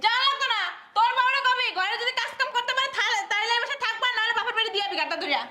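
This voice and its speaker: A woman's voice: very high voice, rapid-fire, heavy background noise. A woman playing a nagging older mother-in-law in a comedy skit, firing off scolding rhetorical questions and tagging each with "haan?".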